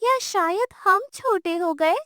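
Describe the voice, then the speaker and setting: A woman's voice: very high-pitched, lively intonation, takes it slowly, fairly bright tone, dry recording, studio quality, voice pushed up, exaggerated voice. A woman voicing a wide-eyed, cheerful young girl in a cartoon story, sounding amazed.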